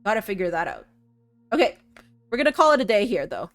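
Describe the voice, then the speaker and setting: A woman's voice: medium pitch, big pitch swings, fast, fairly bright tone. A woman streaming a puzzle game, thinking aloud and chatting with her viewers in a sleepy, musing way. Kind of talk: casual gameplay commentary.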